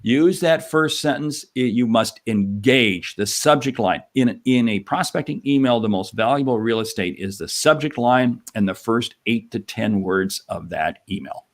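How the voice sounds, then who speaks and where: A man's voice: mid-range voice, moderate pace, few pauses. A man co-hosting a sales podcast, talking in an emphatic, punchy way. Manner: emphatic, punchy, animated delivery. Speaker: podcast co-host. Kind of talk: energetic sales podcast talk.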